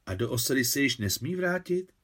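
A man's voice: mid-range voice, animated, a bit bright, slightly rough, voice pushed up. A man voicing a shy, anxious young woman who speaks in a timid, hesitant voice.

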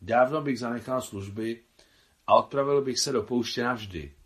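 A man reading the lines of a worldly, good-humoured army doctor in an audiobook, with calm, gently reflective speech. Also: medium pitch, natural voice.

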